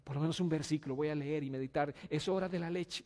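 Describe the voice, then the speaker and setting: A male pastor delivers a sermon in a fairly high voice, firing questions at his congregation. He moves between soft, pleading passages and loud outbursts. The long reverb of a church sanctuary trails after every phrase. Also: fairly even intonation, fast talker.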